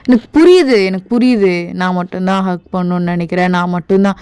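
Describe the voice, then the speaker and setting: A woman's voice: lowish voice, fast, warm tone, clean tone, no echo, natural voice. A woman voicing an upset young girlfriend in a fan voice drama, with a hurt, defensive, pleading manner.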